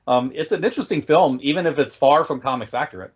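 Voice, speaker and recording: A man co-hosting a podcast, speaking in a measured, reflective way with frequent pauses to think. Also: a little high, husky, dull audio. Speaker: podcast co-host. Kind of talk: casual podcast discussion.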